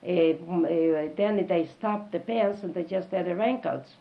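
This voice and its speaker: An elderly woman reminisces in an interview, halting and repeating phrases for emphasis. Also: on the low side, gravelly. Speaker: oral history interviewee. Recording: dull, lo-fi tape with faint noise.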